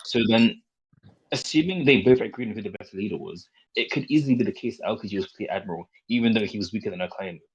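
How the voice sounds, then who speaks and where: A man's voice: on the low side, quick pace, husky, dull audio. A man in a casual debate, methodically explaining his point through step-by-step analogies.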